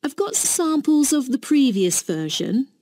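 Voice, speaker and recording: A woman's voice: high-pitched, very animated, a little slow, darkish tone, no echo, clean studio sound, exaggerated voice. A woman playing a polite, businesslike hotel customer in a scripted listening-test dialogue.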